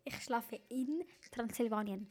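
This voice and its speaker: A woman's voice: a little high, unhurried, a little mellow. A young woman with a Swiss German accent, co-hosting a casual chat game, giggly and repeating her phrases. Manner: giggly, repeating phrases, sometimes drops into English. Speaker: co-host.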